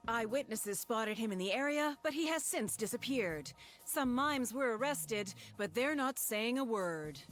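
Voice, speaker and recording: An upbeat TV news anchor delivers a scripted report in a game cutscene. Her voice sits a little high. Faint music plays underneath. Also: animated, unhurried, a bit bright. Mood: chipper.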